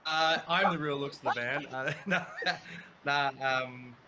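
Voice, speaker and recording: A man's voice: mid-range voice, unhurried, background noise. A man from New Zealand, raised in Melbourne, chatting and teasing as a band guest on a video call. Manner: laughing, teasing. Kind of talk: casual chat.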